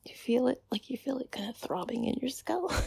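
A young woman whispering in a close ASMR chat, often giggling and sighing softly. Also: sits high, gravelly, slightly rough. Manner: soft whispering with frequent giggles and sighs. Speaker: ASMR creator.

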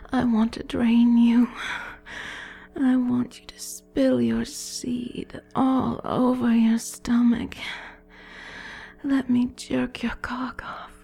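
Slow whispering woman. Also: fairly high pitch, dark tone. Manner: slow breathy whisper rising to voiced moans. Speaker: erotic audio performer. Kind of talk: whispered intimate ASMR-style erotic audio.

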